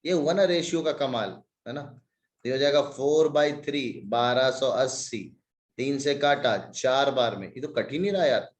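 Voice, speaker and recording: A man's voice: mid-range voice, measured pace, echoey room. A man teaching a maths class online, working sums aloud step by step with joking asides, slightly stuffy from a cold. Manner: talks through sums step by step, jokey asides.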